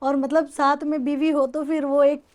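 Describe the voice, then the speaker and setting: A woman's voice: high-pitched, level tone, moderate pace, a little mellow. A woman interviewer asking friendly, chatty follow-up questions.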